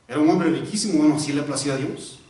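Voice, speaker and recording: A man's voice: fairly high pitch, fast, mellow. A male pastor preaching a sermon. He often asks the congregation rhetorical questions and repeats words for emphasis. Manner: stops to correct himself and repeats words for emphasis. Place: church. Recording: very echoey church hall, voice from a distance.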